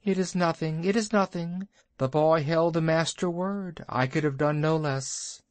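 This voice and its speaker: A man's voice: a little high, a little slow, no room sound, voice pushed up, lightly acted. A man voicing Ron, a dutiful male kite bird who carries messages, speaking formally and calling out from above. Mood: earnest.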